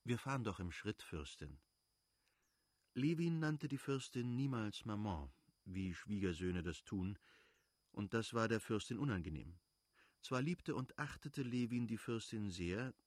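Low-voiced male audiobook narrator. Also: animated, moderate pace, dry recording, studio quality. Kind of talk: audiobook reading.

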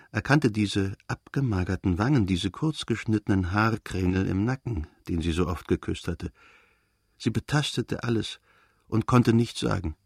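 A man narrating a literary novel as an audiobook reader, in a measured, calm reading. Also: fairly low pitch, vocal fry, dry recording, studio quality.

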